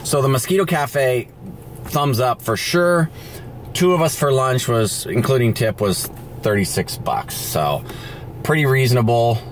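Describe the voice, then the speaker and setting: A man's voice: medium pitch, measured pace. A middle-aged man chatting upbeat to a handheld camera, touring a town on foot and by car as an RV travel vlogger. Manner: upbeat, chatty, talks straight to the camera while walking and driving. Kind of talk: casual travel vlog narration. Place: outdoors in a town and inside a car. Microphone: handheld camera, arm's length. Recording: noisy outdoor and car ambience.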